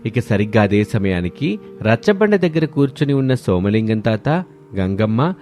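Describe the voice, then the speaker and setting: A man narrating a cartoon story in steady, scripted storytelling. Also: fairly low pitch.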